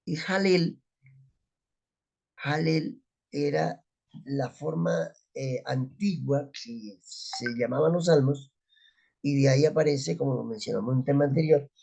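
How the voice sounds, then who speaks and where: A man with a gravelly, husky voice teaching a Bible study. He explains terms patiently and keeps asking his listeners questions. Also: a little high, a little slow, pauses often, darkish tone. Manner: explanatory, asks rhetorical questions, spells out Hebrew words.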